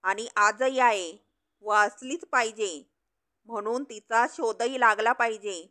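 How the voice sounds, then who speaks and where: Storybook heavy, played by a woman narrator: a jealous man barking threats, slow and fairly high. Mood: angry, threatening. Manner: shouting threats. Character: jealous, bullying man demanding a missing girl.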